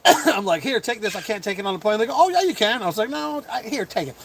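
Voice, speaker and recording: A middle-aged man hosting a casual livestream chat as a comedian, rambling with lots of fillers and quick chuckles. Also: high voice, animated, vocal fry, fairly bright tone, slight background noise. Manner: chuckling, full of fillers and restarts.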